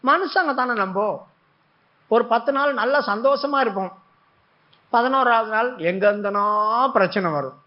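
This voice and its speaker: High pitched guy giving a sermon, acts out the prayers, dialect, muffled recording. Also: moderate pace, pauses often. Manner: dramatic, acts out prayers and God's replies. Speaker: preacher.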